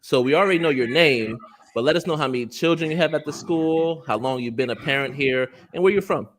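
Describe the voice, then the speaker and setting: Hosting a parent panel over video call, this parent relations executive from New Jersey sounds friendly, laughing often and using plenty of fillers. He has a somewhat high voice and talks fairly quickly.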